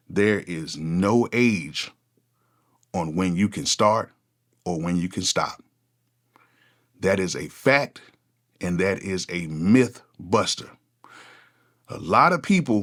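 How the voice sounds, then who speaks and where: Relaxed and deep-voiced, a forties male producer who runs a channel chats unscripted to camera in one take. His delivery is casual and conversational, peppered with repeated "go ahead."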